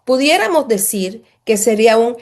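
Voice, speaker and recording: A woman's voice: fairly high pitch, animated, normal speed, a little mellow. A woman giving a religious lesson, explaining patiently, repeating phrases and often checking in with the listener. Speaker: religious teacher.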